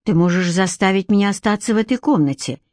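A woman's voice: mid-range voice, quick pace, a little mellow, dry recording, studio quality, natural voice. A woman reading the part of a proud, fiery young captive who answers her master with indignant outbursts. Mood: defiant.

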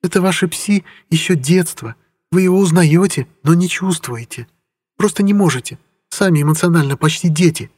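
A husky young witch, put on by a male reader in an audiobook, her voice lifted well above his own. She talks in a teasing, knowing, mock-patient way. A long hall reverb trails behind every line. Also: high-pitched, brisk, a little mellow, pitched above the performer's own voice. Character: young woman witch, sly, coaxing, sharp-tongued. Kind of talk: audiobook character voice.

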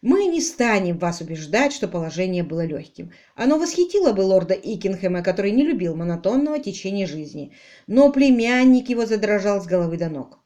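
A woman's voice: mid-range voice, brisk. A woman narrating an audiobook expressively, acting out the dialogue. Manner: animated, acts out dialogue. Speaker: audiobook reader.

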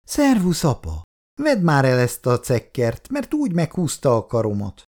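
A man reading aloud and voicing a brisk, bustling older working-class housewife who talks in a quick, chatty way. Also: medium pitch, huge pitch swings, a little mellow, voice pushed up.

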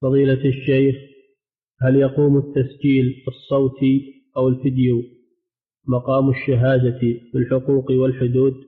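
A man's voice: mid-range voice, moderate pace. A man formally reading texts and putting questions to a teacher, in a deferential way. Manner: flat, formal, deferential address. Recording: tinny phone-like line.

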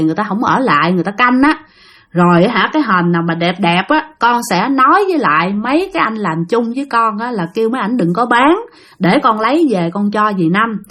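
A woman's voice: mid-range voice, expressive, fairly quick, fairly bright tone. A woman voicing a young man who earnestly reassures his aunt, with a Southern Vietnamese accent. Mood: reassuring.

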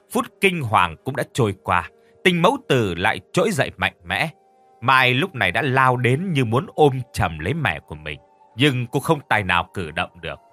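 Expressive male horror storyteller. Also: mid-range voice. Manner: dramatic, expressive. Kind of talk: scripted horror story narration. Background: faint music.

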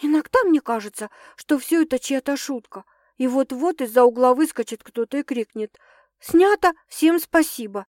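A woman's voice: normal speed, no echo, clean studio sound, close to an everyday voice. A woman voicing an emotional, dramatic young woman who exclaims and protests, her voice raised above the narration. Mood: agitated. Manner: excitable, exclaiming, higher and louder than narration.

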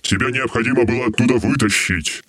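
An actor playing a stern, brooding shadow king homunculus in an audiobook, speaking gravely and slowly. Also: mid-range voice, a bit bright, no room sound, natural voice. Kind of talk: audiobook role.

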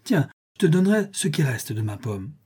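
A man's voice: a little high, big pitch swings, normal speed, husky, pitched above the performer's own voice. A man voicing an eager young boy who pretends to be a steamboat, calling out commands and bell sounds in an audiobook reading. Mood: teasing, pleading. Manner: shouted commands and bell noises.

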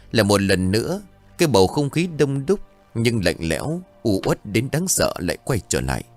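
A male narrator telling a tragic tale with solemn expression. His voice sits low but moves widely in pitch. Faint music plays under him. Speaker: storyteller. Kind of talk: dramatic story narration.

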